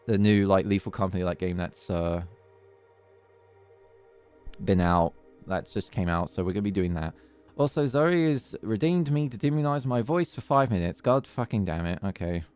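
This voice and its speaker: A man's voice: on the low side, animated, moderate pace, a little mellow, clear, resonant tone, soft background music. A man chatting casually on a livestream in a hesitant, rambling way. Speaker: streamer.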